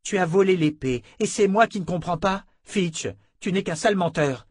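A man's voice: high-pitched, normal speed, no room sound, studio quality, pitched above the performer's own voice. Guy reading as a blunt no-nonsense woman sergeant, scornful, bossy. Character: stern young female border sergeant.

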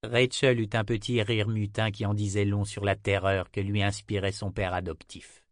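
A man narrating a French audiobook in a measured, lowered voice. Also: level tone, no room sound, studio quality. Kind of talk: scripted narration.

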